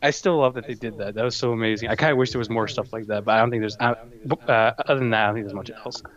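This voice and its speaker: A man's voice: medium pitch, fairly even intonation, very fast, fairly bright tone, muffled recording. A man co-hosting a casual late-night chat who rambles and laughs between thoughts. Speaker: podcast co-host.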